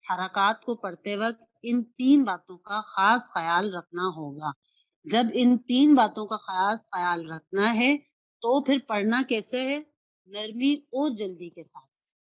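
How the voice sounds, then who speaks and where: A woman from Pakistan with a Pakistani Urdu accent, teaching a Quran recitation lesson, patiently repeating rules and sounding out syllables slowly. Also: medium pitch, no room sound, poor audio. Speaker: tajweed teacher.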